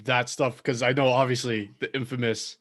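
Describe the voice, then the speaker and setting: A man's voice: mid-range voice, flat delivery, normal speed, a bit bright. Chatty man rambling through fantasy talk. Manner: rambling, filler-heavy, thinks aloud. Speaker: podcast co-host. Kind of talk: casual chat.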